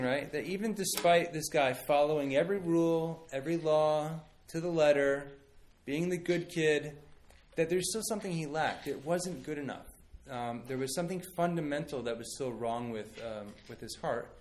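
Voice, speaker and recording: A man's voice: medium pitch, slight background noise. A man in his thirties, a pastor giving a conversational sermon and telling stories with many fillers and restarts.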